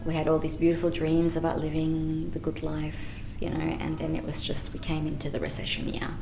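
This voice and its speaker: A woman in her forties from Egypt, a guest poet speaking reflectively and softly, often trailing into near-whispers. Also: sits low, monotone, brisk, vocal fry. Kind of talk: reflective interview. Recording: echoey room with background noise.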